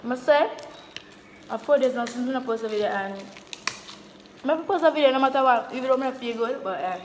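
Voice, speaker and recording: Jamaican woman vlogger, higher voice, loose patois chat, roomy echo. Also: brisk, noisy background. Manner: relaxed patois chatter, often soft-spoken. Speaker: YouTuber host. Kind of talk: casual mukbang chat. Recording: echoey room.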